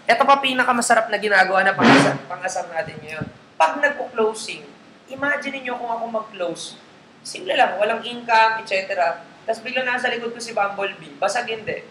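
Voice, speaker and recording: In a roomy space with faint noise behind him, a man trains a network marketing group live. His voice sits high and expressive, running a little fast, as he chats in a Tagalog-English mix and frequently checks in with the audience.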